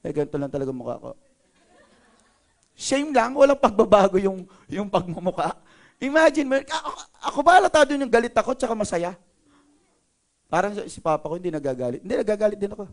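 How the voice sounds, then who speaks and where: A man's voice: high-pitched, sing-song, fast talker. A male pastor preaching a sermon in a playful way, joking with the congregation. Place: church service.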